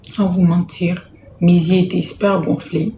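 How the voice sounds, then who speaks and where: A woman from Congo hosting a casual live stream to sell jerseys, speaking softly and repeating herself. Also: on the low side, flat delivery, measured pace, creaky, roomy sound, slight background noise. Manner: soft-spoken, repeats herself. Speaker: livestream host selling jerseys. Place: home room, indoors.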